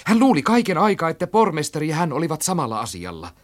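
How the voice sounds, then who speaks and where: A man reading a children's story aloud in an animated, rhythmic storytelling style. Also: on the high side. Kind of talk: expressive storybook narration.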